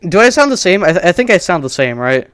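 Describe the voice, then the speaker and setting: A man's voice: sits high, very animated, quick pace, a bit bright, clear, resonant tone, no room sound, faint music behind. A man streaming a survival game, casually thinking aloud and joking at his own expense while he plays. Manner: rambling, self-deprecating, thinking aloud.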